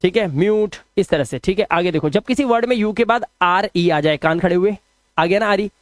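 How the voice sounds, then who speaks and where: A man's voice: high voice, dry recording. Chatty man teaching pronunciation. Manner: chatty, repeats example words slowly, addresses viewers as friends and sir. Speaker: English teacher. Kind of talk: spoken lesson on English spelling rules.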